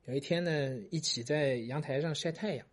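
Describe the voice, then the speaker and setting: A chatty man telling a joke in a casual, rambling way, with a husky voice. He speaks a little higher than most men and keeps repeating and restarting his words. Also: normal speed. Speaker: host and storyteller.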